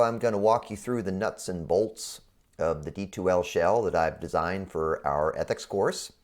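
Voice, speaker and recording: A man with a congested, frog-in-the-throat voice, under the weather, explaining an online course as a college professor in an informal, halting way. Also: low voice. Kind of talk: explanatory screen-share walkthrough for online students.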